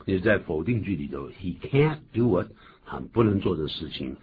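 A man's voice: low voice, lively intonation, moderate pace, a crowd in the background. A man hosting a bilingual radio language lesson, explaining pronunciation in an emphatic, teacherly way. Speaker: radio English lesson host. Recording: tinny phone-like band, faint noise.

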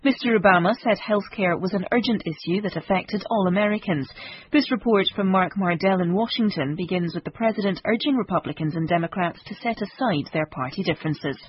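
A British woman reading a scripted radio news bulletin in a measured, formal manner. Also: mid-range voice, slightly rough, no room sound, muffled recording. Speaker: newsreader.

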